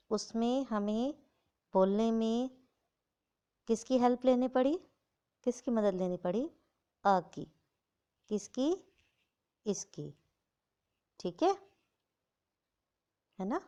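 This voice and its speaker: A woman's voice: mid-range voice, darkish tone, clean tone, lo-fi sound. A woman teaching young children the Hindi alphabet, patiently explaining and sounding out letters one by one, often checking in with short tags.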